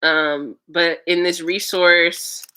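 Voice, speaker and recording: A young woman talks straight to her viewers in a loose, casual vlog. Her voice is bright and ringing, and she tells her stories frankly, swearing freely and laughing between lines. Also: lowish voice, little pitch movement, slow, clear, resonant tone. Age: young adult. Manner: chatty, laughs often, frank and profane. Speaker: vlogger.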